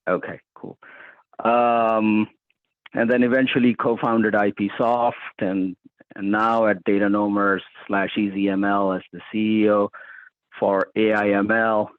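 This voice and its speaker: A man introducing himself on a panel over a video call whose audio cuts in and out, so his volume keeps dropping, and he speaks haltingly with pauses and fillers. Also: fairly low pitch, little pitch movement, dry recording, phone-quality sound. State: audio cutting in and out, uneven volume. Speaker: panelist, company founder. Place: Chicago.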